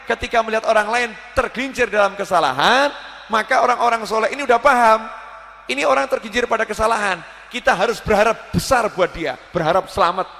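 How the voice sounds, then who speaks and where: Animated high-voiced preacher in a reverberant hall. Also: male voice, quick pace. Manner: animated, acts out prayers and voices, joking asides. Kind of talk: religious lecture.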